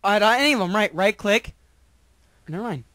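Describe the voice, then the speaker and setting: A teenage boy with a very high voice chats over a headset call. He giggles a lot and keeps teasing and coaxing his friend through a game. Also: animated, normal speed, sharp tone, no room sound. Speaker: recording host. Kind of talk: casual chat over voice call.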